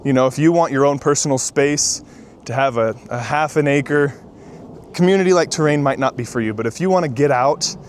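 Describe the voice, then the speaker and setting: A man's voice: medium pitch, brisk, a little hiss or hum. Upbeat man giving a home tour. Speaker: real estate agent giving a model home tour. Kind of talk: walk-through home tour, casual presenting.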